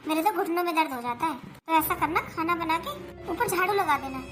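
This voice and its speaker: A high-voiced performer doing a grumbling mother-in-law. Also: brisk, over music. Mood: scolding. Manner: complaining, self-pitying scolding. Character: nagging older mother-in-law with aching knees. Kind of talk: family comedy skit.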